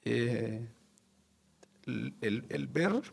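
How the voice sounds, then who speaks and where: A man with a Honduran accent, a town mayor telling a personal story in an interview, halting and emotional with many pauses and fillers. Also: medium pitch, lively intonation, creaky, slightly rough. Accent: Honduran Spanish.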